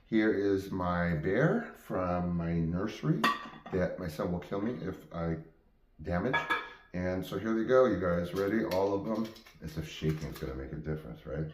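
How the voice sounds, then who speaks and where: A man with a low-sitting voice, the host of his own game show, casually improvises stories for viewers at a moderate pace. He rambles and keeps cutting himself off to restart, with reverberation and background noise in the recording.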